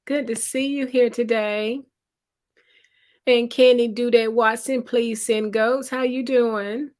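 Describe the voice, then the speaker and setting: Unhurried woman hosting a live chat. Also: a little high, fairly even intonation, a little mellow. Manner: greets viewers by name, reads chat aloud; unhurried, conversational. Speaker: livestream host. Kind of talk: casual live-stream chat.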